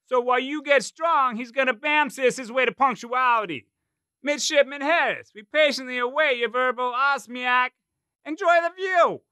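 Brooklyn gunny screaming insults at cadets, super high and loud, crisp dry sound. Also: male voice, normal speed, no echo. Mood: bellowing, sarcastic. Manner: barking, profane, sarcastic. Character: gruff stocky male Marine drill sergeant, bellowing.

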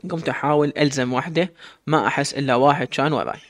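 A man voicing a spirited, sharp-tongued teenage girl in an audio story. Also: mid-range voice, steady tone, close to an everyday voice. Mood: lively. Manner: quick retorts, blunt.

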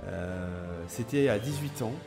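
A young adult man from France hosting a live gameplay stream, chatting hesitantly with viewers and answering them by name, with many filler pauses and restarts. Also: low voice, expressive, vocal fry. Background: background music.

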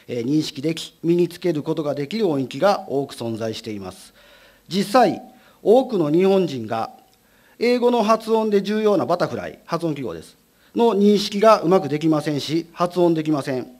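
A man, a city council member, asking formal questions in a council session, measured with many filler pauses. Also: on the high side, a little mellow.

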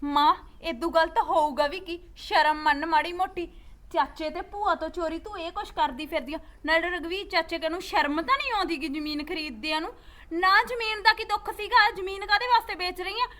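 A woman's voice: very high voice, brisk, pushed and bright. A woman with a Punjabi accent playing a defiant young village woman who pleads and accuses her family. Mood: accusing. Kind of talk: village drama acting.

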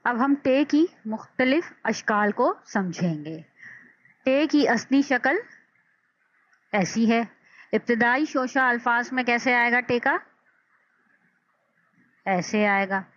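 A woman teacher giving a patient alphabet lesson, sounding out syllables slowly and deliberately. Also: on the high side, expressive, a bit bright, no room sound. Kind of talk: slow step-by-step alphabet lesson. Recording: dull lo-fi dry recording.

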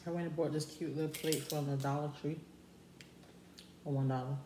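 A woman's voice: deep voice, steady tone, moderate pace. A woman, chatting casually in a food vlog while her mouth is full of crab. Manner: chatty, drawling, hums between bites. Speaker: mukbang vlogger. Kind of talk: casual chat while eating. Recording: echoey room with faint background hum.

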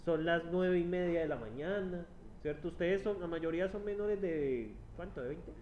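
A high-pitched man lectures his students in a classroom, talking in a chatty, teasing way and checking in with them constantly. The recording sounds dull and lo-fi, with a faint hum of noise behind him. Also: moderate pace. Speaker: university lecturer. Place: university classroom.

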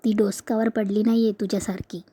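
A woman voicing a sharp-tongued old grandmother who scolds bluntly in rustic words. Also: mid-range voice, little pitch movement, brisk, husky. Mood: scolding.

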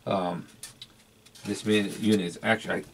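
A middle-aged vintage electronics collector gives a casual, unscripted product review, rambling hesitantly and repeating words for emphasis. His fairly low voice stays fairly even at a moderate pace, with a little hiss or hum.

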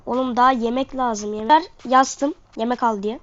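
Woman, stuffed-up sniffly nose, high voice, casual gaming commentary, dull lo-fi microphone. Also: fairly even intonation, moderate pace. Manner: slangy, talking to viewers while playing. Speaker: gaming video host.

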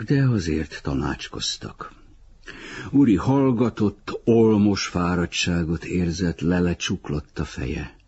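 Mély, rekedtes férfi felolvasó. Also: male voice, low-pitched, breathy edge, highs cut off. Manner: calm, measured literary reading. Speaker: audiobook reader. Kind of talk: audiobook narration.

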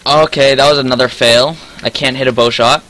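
Teen male gamer narrating his play, bright voice, easily frustrated, yelps and voice cracks. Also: mid-range voice, brisk, rough recording. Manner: excitable, frustrated outbursts, voice cracks. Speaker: gaming channel host. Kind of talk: live gameplay commentary.

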